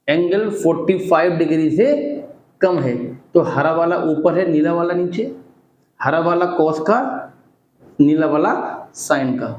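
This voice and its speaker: A man's voice: high voice, reverberant, a little hiss or hum, poor audio. A man teaching a maths lesson, explaining each step in turn and mixing Hindi with English terms. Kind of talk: classroom maths lecture.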